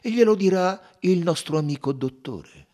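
A man voicing a fussy, measured elderly male detective in an audiobook reading. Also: sits high, animated, dark tone, pitched above the performer's own voice. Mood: knowing. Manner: measured, knowing, explanatory.

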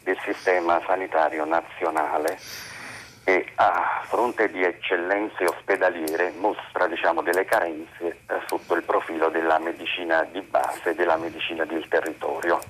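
A man from Naples phoning in to a radio talk show, asking a long question in a formal, hesitant way with many pauses and fillers. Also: low voice, flat delivery, a bit bright, slight background noise. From Naples, Italy. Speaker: radio phone-in caller.

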